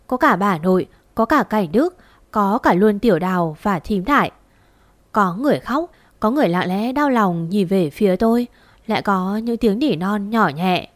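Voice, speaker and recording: A woman tells a sad first-person story in a slow, mournful voice. Her pitch sits in an ordinary middle range. The recording is close and completely dry, with no room sound at all. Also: darkish tone, dry recording.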